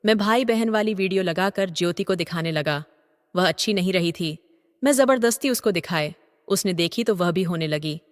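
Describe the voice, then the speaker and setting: A man's voice: high voice, normal speed. Older man narrating, long reverb. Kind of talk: storytelling narration.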